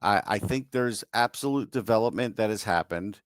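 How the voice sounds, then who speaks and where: A man with a New York accent co-hosting a sports podcast, giving his opinions plainly and with confidence. His voice is fairly low, recorded close and dry. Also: moderate pace, dry recording. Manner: opinionated, matter-of-fact. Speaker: podcast co-host. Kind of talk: casual sports podcast chat.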